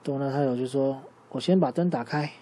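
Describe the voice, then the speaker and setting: A man voicing an urgent young male ninja turtle in a bedtime story, calling out raised and hurried. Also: medium pitch, dark tone, natural voice. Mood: calm.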